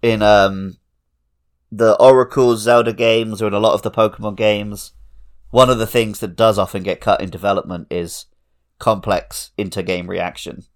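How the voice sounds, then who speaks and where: Talking video games on a podcast he co-hosts, this man sounds relaxed and explanatory. His voice is on the low side and steady, with a moderate pace.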